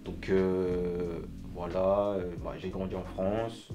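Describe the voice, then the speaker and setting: Guy from togo chatting in an interview, kinda low voice, lots of "euh" and "you know", music underneath. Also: little pitch movement, slow pace. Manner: hesitant, fills with "euh" and "tu vois". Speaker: guest musician. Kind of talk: casual interview chat.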